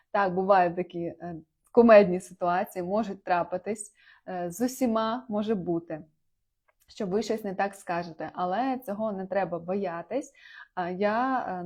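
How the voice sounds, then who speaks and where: A chatty woman in her thirties gives a relaxed video lesson. She laughs often and jumps her voice up when she says example words. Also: mid-range voice. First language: Ukrainian. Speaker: Portuguese language teacher.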